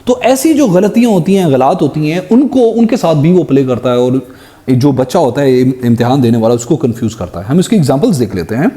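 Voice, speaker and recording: A young man teaching an exam-prep grammar lesson, reading sentences slowly and explaining each correction, with English phrases mixed in. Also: a little high, lively intonation, dark tone. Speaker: Urdu teacher.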